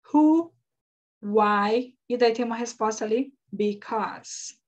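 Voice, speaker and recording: A woman, recapping an online English lesson and spelling words out patiently. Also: on the high side. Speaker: English teacher.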